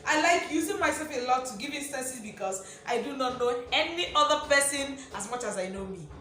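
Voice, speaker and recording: A woman coach giving a motivational talk to viewers, talking in a descriptive way and checking in with questions, slowing down to stress her words. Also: high-pitched, expressive, bright, forceful tone, recorded from a distance. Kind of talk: direct-to-camera motivational talk. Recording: very echoey room, voice a bit off-mic, faint noise.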